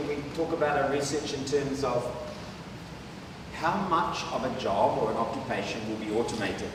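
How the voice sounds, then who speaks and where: A New Zealand man with a medium-pitched voice gives a chatty conference presentation, using "right?" as a rhetorical tag on his points. The sound is distant and echoey, from a hall with a noisy background.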